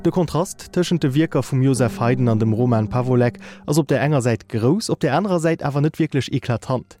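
A man reading a scripted music review for radio in a measured way. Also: medium pitch. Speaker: music critic.

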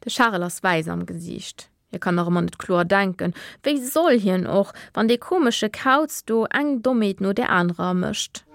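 A woman reading a children's story aloud with lively, expressive narration. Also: mid-range voice, vocal fry, no echo.

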